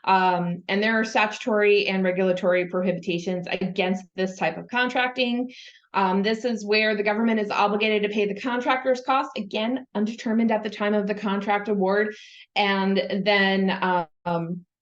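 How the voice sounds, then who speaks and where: Woman, webinar presenter, conversational with fillers, mid pitch, slightly muffled call audio. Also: steady tone, moderate pace. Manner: conversational, many fillers while explaining. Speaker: presenter on government contract auditing. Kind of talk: webinar presentation walking through slides.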